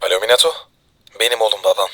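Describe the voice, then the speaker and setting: A man voicing a worried father who calls his son from a hospital, speaking calmly and gravely in a game dub. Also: on the low side, very fast, no echo. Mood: grave concerned. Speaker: dub actor.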